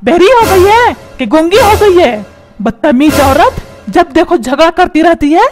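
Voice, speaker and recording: एक महिला कार्टून में चिड़चिड़े, चिल्लाने वाले अधेड़ पिता की आवाज़ दे रही है, जो डांटता है और ताने मारता है।. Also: female voice, very high voice, lively intonation, unhurried, faint music behind. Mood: scolding. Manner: shouts and scolds, calls names. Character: grumpy shouting cartoon father, middle-aged man. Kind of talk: comedy cartoon dubbing.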